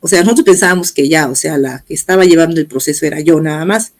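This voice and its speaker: A woman's voice: sits low, fast talker, a little mellow. A middle-aged woman gives a personal testimony in an interview. She talks earnestly and steadily, slipping into the words of the people she quotes as she goes. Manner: earnest storytelling, acting out others' words in quotes.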